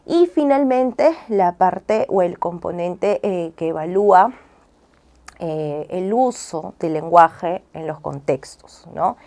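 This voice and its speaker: Speaking slowly in a lowish, warm, expressive voice, a woman speech and language therapist explains as an interview guest in a patient, teacherly way. She keeps adding brief tag questions to check understanding and occasionally demonstrates syllable drills as if working with a child.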